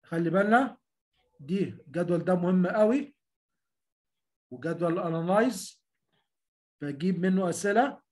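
A man's voice: high voice, lively intonation, moderate pace, long pauses, a little mellow. A man with an Egyptian Arabic accent giving a lecture on medical terminology, drilling pronunciation syllable by syllable and often calling out to his class. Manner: repetitive, addresses students as a group, drills pronunciation syllable by syllable. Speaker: university lecturer.

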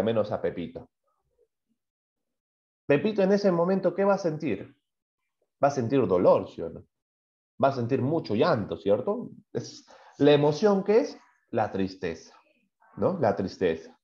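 Lively-voiced man teaching online. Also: fairly high pitch. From Peru. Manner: asks questions and answers them himself; acts out short quoted voices in examples. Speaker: primary school science teacher. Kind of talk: online class lecture. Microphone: computer mic on a video call. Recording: dull lo-fi video-call audio.

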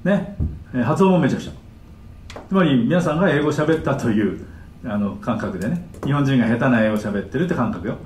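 A man giving a live seminar as a counselor, animated and demonstrative, chatting with his audience. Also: mid-range voice, fairly quick, slight background noise. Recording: echoey hall, distant mic.

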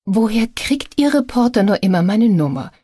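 A woman's voice: expressive, normal speed, warm tone, husky, no echo. A woman reading an audiobook, voicing a nosy, whiny older woman who gossips about her neighbors. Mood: indignant gossip. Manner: whiny, indignant, high-pitched.

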